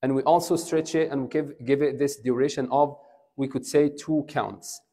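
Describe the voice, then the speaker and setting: A man's voice: mid-range voice, fairly even intonation, takes it slowly, mellow. A man with an Egyptian accent, an imam giving a classroom lecture on recitation, explaining step by step, checking in with his students and switching between Arabic and English. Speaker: imam teaching Quran recitation.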